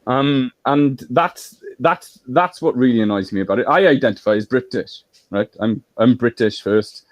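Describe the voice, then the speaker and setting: Welsh-born guy holding forth in a political chat, mid pitch, dry room. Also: moderate pace, no echo. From Wales. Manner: lecturing, explains at length. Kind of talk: political discussion.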